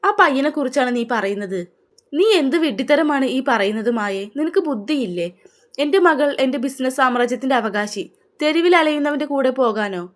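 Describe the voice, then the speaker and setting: A proud, scornful rich father in a storybook tale, as a woman narrator puts him on. He speaks harshly and with open contempt, in a slightly high voice. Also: expressive, fairly quick.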